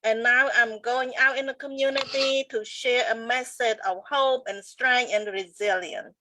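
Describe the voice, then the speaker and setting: A woman from Cambodia, co-hosting a talk show and introducing herself in an earnest, halting way. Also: fairly high pitch, fairly even intonation, sharp tone, no room sound, rough recording. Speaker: co-host.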